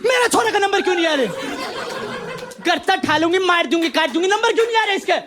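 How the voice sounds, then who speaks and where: A man's voice: very high voice, expressive, fast talker, loud music behind the voice, pitched above the performer's own voice. A man doing a blunt Haryanvi village mother. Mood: fierce shouting. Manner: blunt, coarse, threatening, falsely polite. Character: blunt rustic Haryanvi Jat mother, loud, fierce.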